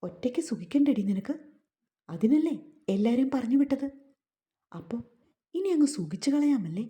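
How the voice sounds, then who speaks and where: A bitter young husband in a storybook romance, sneering and menacing, as a woman reads him. the voice sits a little high for a man but very dark and soft in tone. his words come out harsh and taunting. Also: lively intonation, moderate pace, lightly acted. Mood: angry. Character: cruel, resentful young husband.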